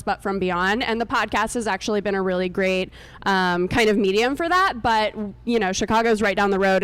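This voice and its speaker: Speaking up into a mic in an air-conditioned meetup room, this woman has a smooth, mid-range voice with a fairly bright tone. As host and co-founder of the event, she introduces a speaker with relaxed, playful banter.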